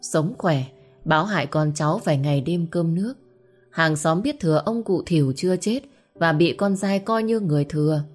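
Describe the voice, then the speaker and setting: A woman narrating a dramatic audiobook story in a measured, expressive way. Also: low voice. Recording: faint music bed.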